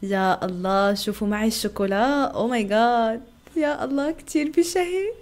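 A woman's voice: fairly high pitch, a little fast, darkish tone. A young woman, reacting to food videos in a casual vlog, giggling often and exclaiming playfully.

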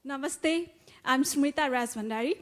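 A woman's voice: high voice, moderate pace. A woman from Nepal with a Nepali accent, asking a question from the audience floor in a conference hall, speaking eagerly.

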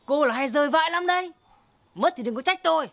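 A woman playing a brash, sharp-tongued village wife who scolds bluntly, outdoors at a market. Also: sits high, expressive, quick pace. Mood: scolding. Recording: outdoor street with crowd and traffic noise.

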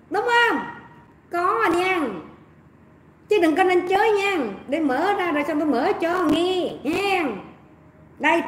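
Brief: mocking Southern Vietnamese woman livestreamer, chatty commentary, roomy sound with faint hiss. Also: very high voice. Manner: chatty, gossipy, mocking, addresses viewers as family. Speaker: livestream host. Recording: echoey room.

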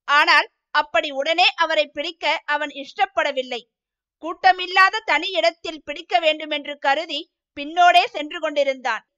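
A woman narrating an audiobook with steady storytelling. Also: sits high, no echo, lo-fi sound. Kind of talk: scripted narration.

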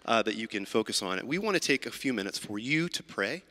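A man speaking as a pastor, giving church announcements in a casual, halting way, with many fillers and restarts. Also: on the low side, lively intonation, pushed and bright. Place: church sanctuary. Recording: church livestream with long hall reverb.

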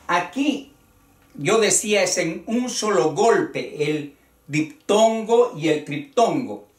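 Super slow deliberate teacher, counting syllables out, kinda far from the mic, roomy echo. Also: mid-range voice, animated. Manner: deliberate, spells out syllables one by one. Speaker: Spanish teacher. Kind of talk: spoken grammar lesson. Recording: echoey room, voice away from the mic.

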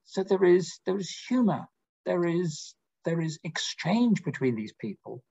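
A man giving a lecture, reading verse slowly and then explaining it with emphatic pitch jumps. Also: very animated, creaky, darkish tone, muffled recording. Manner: slow deliberate recitation of quoted verse.

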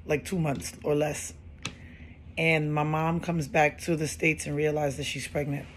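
A woman in her thirties telling a personal story in a casual, animated way, often repeating phrases for emphasis. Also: low voice, a little hiss or hum.

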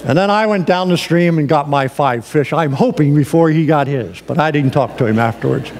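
Gravelly-voiced pastor telling a story. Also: male voice, fairly high pitch, a little fast, a little mellow, in a large hall. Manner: storytelling with conversational fillers. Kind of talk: sermon. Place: church sanctuary.

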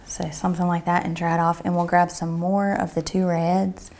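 A woman, giving a relaxed, chatty step-by-step painting tutorial at home, talking as she paints. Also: lowish voice, moderate pace. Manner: relaxed, chatty, thinks aloud while painting. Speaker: painting instructor. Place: home room with a painting easel.

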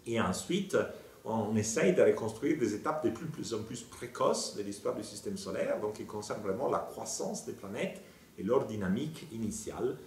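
A man's voice: lowish voice, lively intonation, normal speed, a little mellow, recorded from a distance. Man, thoughtful, roomy sound. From Italy. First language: Italian. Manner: explanatory, thoughtful, with hesitations. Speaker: planetary scientist. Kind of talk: interview monologue. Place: office with bookshelves, indoors. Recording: roomy, from off-mic.

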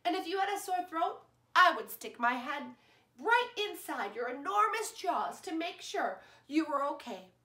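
A loving, patient mother, voiced by a woman reading aloud, soothing her child with warm promises. Her voice is high and bright, with a lively, singsong rise and fall. The room gives it a noticeable echo. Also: unhurried, heavily acted. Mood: tender. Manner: tender, reassuring storybook delivery. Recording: roomy echo.

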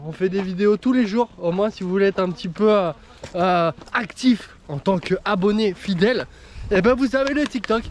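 A man's voice: high voice, a little hiss or hum. A man training dogs, chatting casually while out on a walk and slipping into playful baby talk with his dogs. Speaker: dog trainer.

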